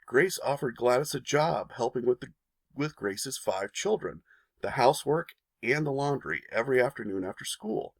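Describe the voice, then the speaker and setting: On his channel, a man with a gravelly, mid-pitched voice narrates a history lesson, reading the story and then slipping into casual asides that send viewers to more. He sounds expressive at a moderate pace. The recording is dry and close, with no room sound at all.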